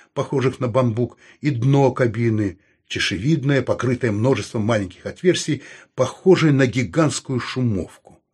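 A man reads an audiobook in a steady, even storytelling voice. His tone is husky and slightly breathy. He sits at an ordinary middle pitch for a man. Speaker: narrator. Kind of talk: audiobook narration.

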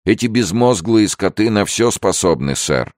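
A man with a very deep voice voicing a wary, stubborn ship's sailor who refuses firmly but respectfully in a story reading. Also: animated, normal speed, no echo, studio quality. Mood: warning.

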